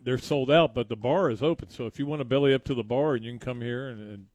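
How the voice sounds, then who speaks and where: A man co-hosting casual live radio, rambling and often repeating himself haltingly. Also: mid-range voice, a little mellow, dry recording. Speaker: radio co-host.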